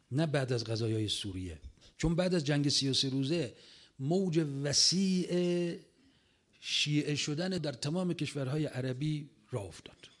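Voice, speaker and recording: A man's voice: medium pitch, breathy edge. Man animatedly retelling a long conversation. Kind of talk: recounting a conversation to an audience.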